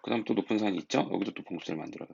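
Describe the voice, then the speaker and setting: A man teaching a high school history lesson, explaining step by step and putting rhetorical questions to his students. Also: very fast, creaky, a little mellow, husky. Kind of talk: classroom lecture. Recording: dull lo-fi recording.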